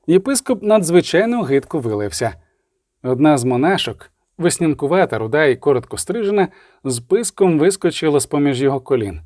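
A man reading a novel aloud in measured scripted narration. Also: a little high, very animated, darkish tone, no echo, clean studio sound. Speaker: audiobook narrator.

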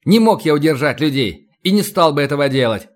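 A man voicing a young lieutenant who answers in a crisp, firm military manner. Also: fairly high pitch, expressive, brisk, close to an everyday voice. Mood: defiant.

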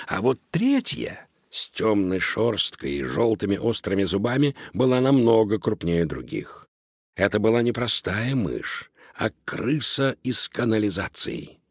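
A man narrating a children's storybook in an expressive, lively reading. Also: on the low side, measured pace, husky, no room sound, clean studio sound. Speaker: audiobook narrator.

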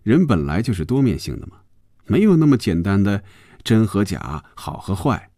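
A man's voice: on the low side, big pitch swings, moderate pace, dark tone, no echo, studio quality. A male storyteller voicing an easygoing salesman who talks in a coaxing, joking way. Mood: easy.

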